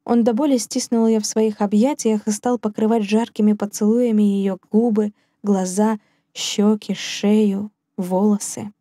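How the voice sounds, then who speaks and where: A woman narrating an audiobook in a calm, measured storytelling manner. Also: mid-range voice, no echo, studio quality. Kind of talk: scripted narration.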